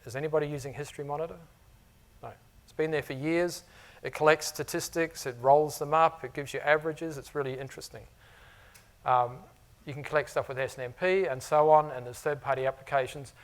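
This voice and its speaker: A middle-aged technology architect with a New Zealand–Australian blended accent gives a brisk conference talk to customers in front of a live audience in a conference room. His voice is fairly high and steady, and he speaks conversationally, using many "uh"s and "you know"s.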